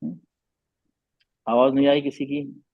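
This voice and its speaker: A male teacher leads an online class in Quran recitation, patiently drilling sounds and asking his students questions. His voice has a slightly husky edge. The audio is dry and muffled, like a dull online call. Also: mid-range voice, expressive, unhurried, no room sound.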